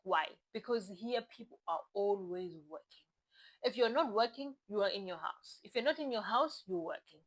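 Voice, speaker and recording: A woman's voice: medium pitch, expressive, moderate pace, rough recording. A young woman from Zimbabwe talking casually to the camera as a vlogger, chatty and often restarting her phrases.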